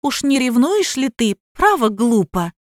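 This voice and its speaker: A woman's voice: a little high, very animated, a little slow, no room sound, clean studio sound, pitched above the performer's own voice. A woman doing a coy, cooing young wife. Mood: babyish. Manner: lisping baby talk, coaxing. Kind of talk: audiobook character voice.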